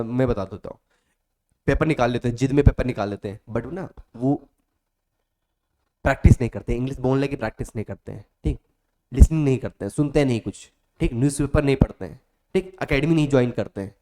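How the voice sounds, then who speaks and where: A man's voice: mid-range voice, lively intonation, brisk, dark tone. A male coaching teacher speaking. He gives a motivational class talk, repeats his points over and over, calls the students "beta" and sometimes acts out student voices.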